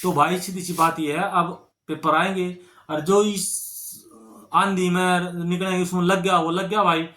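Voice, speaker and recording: A man's voice: high-pitched, flat delivery, unhurried, bright, forceful tone, reverberant, slight background noise. A male teacher explaining exam reasoning problems, often checking in with his students and calling them brother and friends. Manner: repetitive, keeps checking with "ठीक है ना". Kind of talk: reasoning lesson at a whiteboard.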